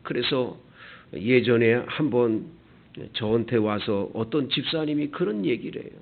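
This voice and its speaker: A man's voice: medium pitch, measured pace, gravelly. Preaching man, tinny phone-like sound. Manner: emphatic preaching with rhetorical questions. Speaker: pastor. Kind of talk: dawn prayer sermon.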